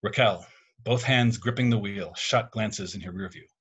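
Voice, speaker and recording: Low, husky-voiced man reading fiction. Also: highs cut off. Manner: measured, steady storytelling. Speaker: contest winner reading his story.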